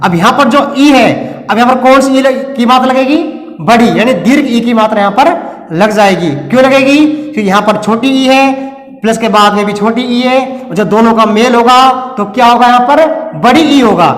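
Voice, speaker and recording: A man with a strikingly high voice teaches a lesson at the board. He keeps asking his own questions and answering them, going over each step again. The sound is roomy, with a long echo trailing off the classroom walls. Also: normal speed, a bit bright.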